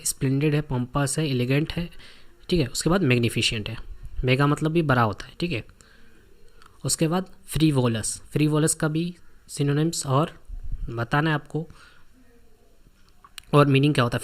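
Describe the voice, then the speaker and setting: A man from India teaching a vocabulary lesson for exam students, repeating word lists and memory tricks with frequent check-ins. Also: on the high side.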